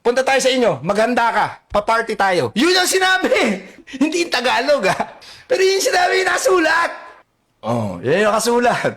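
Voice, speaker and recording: A man retelling a Bible story as satire, animated and joking, with loud bursts, low mutters and asides. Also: moderate pace. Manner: animated, joking asides, laughs mid-sentence. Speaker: satirical vlogger.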